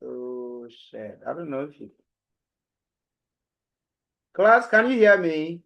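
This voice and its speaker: A slow-speaking male teacher with a fairly high voice, heard over an online call whose audio cuts in and out. He keeps asking his class whether they can hear him. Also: big pitch swings, gravelly, fairly bright tone. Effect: call audio breaking up and dropping out.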